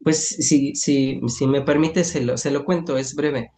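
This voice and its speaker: A school counselor talks in a calm, soft-spoken way and often adds small tag questions. The voice is dark and mellow, and the speech is unhurried. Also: mid-range voice. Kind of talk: calm explanatory talk and storytelling.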